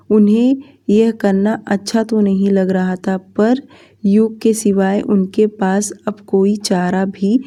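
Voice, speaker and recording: A woman storyteller narrates a romance audiobook. Her reading is unhurried and subdued. Her voice is very dark and mellow, and its pitch barely moves.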